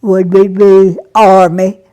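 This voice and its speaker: A woman over a hundred, raised in Brazil, recalling her years as an army nurse in an interview, speaking softly and haltingly with many pauses. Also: medium pitch, level tone. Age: over 100. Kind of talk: interview reminiscence.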